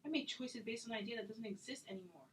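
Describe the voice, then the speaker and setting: A woman's voice: fairly high pitch, a bit bright, a little hiss or hum, close to an everyday voice. A woman acting a self-taped drama scene as a hurt, indignant friend, intense and accusatory in her delivery. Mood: hurt, accusing. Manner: accusatory, intense, rapid-fire.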